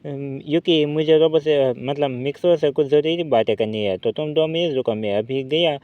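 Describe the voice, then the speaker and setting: A man's voice: fairly high pitch, moderate pace, no room sound, lightly acted. A man voicing a hot-tempered young boy superhero who bosses his friends around, in a dull, dry home recording. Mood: bossy.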